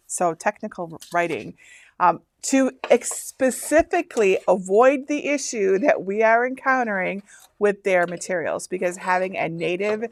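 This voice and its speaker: Hosting a laid-back live stream, a Michigan woman in her fifties rambles chattily through some instructions she's reading aloud, laughing often. Her voice is lowish and creaky, with no room sound at all.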